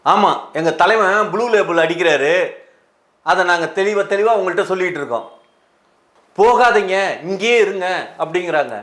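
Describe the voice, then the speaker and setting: Tearful high-voiced man pleading. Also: brisk, a bit bright. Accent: Tamil Nadu. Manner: tearful and pleading, voice breaking while talking. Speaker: interviewee, film director. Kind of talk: emotional interview answers.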